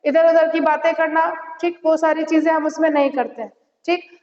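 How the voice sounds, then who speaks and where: A woman with a high voice teaches an online exam-prep class, mixing English phrases into her explanations and checking in with the students after nearly every point. The recording is dull and lo-fi, and her voice rings in an echoey room with a long tail of reverb. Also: flat delivery, normal speed, darkish tone. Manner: mixes English phrases, repeats "theek hai" and "right?"; gives advice directly to students. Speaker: Hindi teacher.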